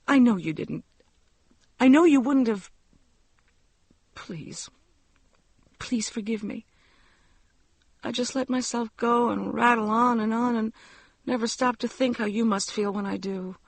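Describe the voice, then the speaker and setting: Brief: man reading as a distraught, pleading wife, audiobook, high voice, dry sound. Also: a little mellow, no echo.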